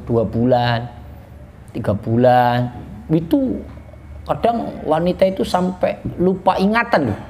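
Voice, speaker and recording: Man preaching a high voice, conversational jokes. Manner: conversational with humorous asides and acted quotes. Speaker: Islamic preacher. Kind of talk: religious teaching.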